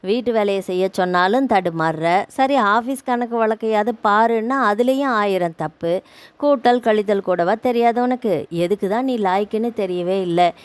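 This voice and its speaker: A woman's voice: mid-range voice, normal speed, clear, resonant tone, no echo, natural voice. A woman voicing a domineering older mother-in-law who scolds and commands in a harsh, nagging way. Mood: scolding.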